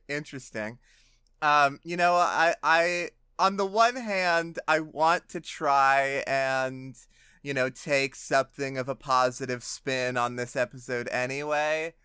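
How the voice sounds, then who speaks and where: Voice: mid-range voice, unhurried, sharp tone, clean tone, no echo. A podcast co-host chatting casually, teasing their partner with dry, wry commentary. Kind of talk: casual chat.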